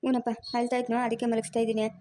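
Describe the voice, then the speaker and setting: A woman's voice: on the high side, level tone, rapid-fire, warm tone, natural voice. A woman playing a worried grandmother who soothes her crying grandson and refuses to send him away, in a homemade family drama. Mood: firm. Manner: soothing, pleading, protective.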